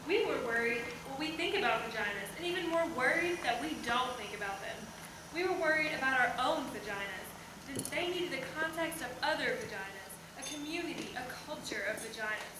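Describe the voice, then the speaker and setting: A woman's voice: high-pitched, expressive, a little fast. A young woman performing a comic stage monologue with a wry delivery. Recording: echoey hall, far from mic, background noise.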